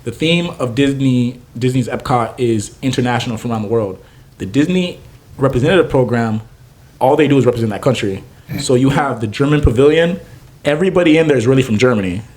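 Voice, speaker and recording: An animated young man chatting as a guest on an interview show, from Naples, Florida. He tells his stories with energy and puts on little voices for the people he quotes. His voice sits at an ordinary, middle pitch. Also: fairly quick. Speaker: guest chef and food truck owner. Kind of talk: casual interview chat.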